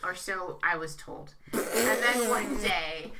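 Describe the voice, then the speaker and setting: A woman's voice: medium pitch, slow, over a noisy crowd, low-quality recording. A woman co-hosting a casual podcast chat, telling a story with lots of laughter. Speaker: podcast co-host.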